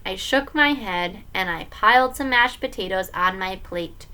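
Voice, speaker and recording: A woman reading a children's book aloud in an expressive way. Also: mid-range voice, unhurried, clean tone. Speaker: story reader.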